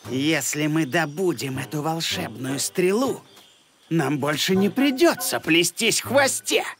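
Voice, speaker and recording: A woman's voice: deep voice, expressive, unhurried, background noise. A woman voicing a sly, bossy animal schemer who leads a gang in a children's cartoon, scheming and commanding. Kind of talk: children's cartoon villain acting.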